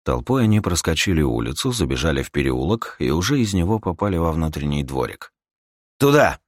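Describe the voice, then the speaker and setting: A man narrating an adventure audiobook in a lively storytelling read. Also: rumbling low, quick pace, dry recording, studio quality. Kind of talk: scripted narration.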